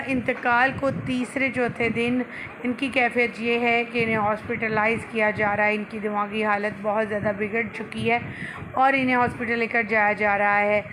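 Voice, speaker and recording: A woman with a Pakistani accent hosts an online video channel, narrating news in a presenter's style. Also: fairly high pitch. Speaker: YouTube channel host. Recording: clearly noisy background.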